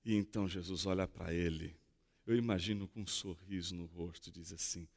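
A man with a Brazilian Portuguese accent preaching a sermon as a pastor, expressive and fond of rhetorical questions. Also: low-pitched, fairly quick, big-room sound. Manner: expressive, acts out dialogue and asks rhetorical questions.

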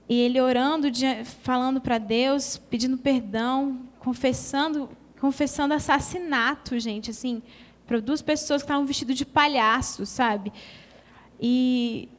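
A Brazilian woman giving an earnest, emotional testimony in a church hall. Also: a little high. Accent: Brazilian Portuguese.

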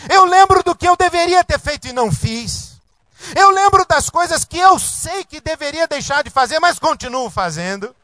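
A man's voice: very high-pitched, expressive, moderate pace, pushed and bright, no room sound. A man preaching a sermon as pastor, in an emphatic, repetitive cadence.

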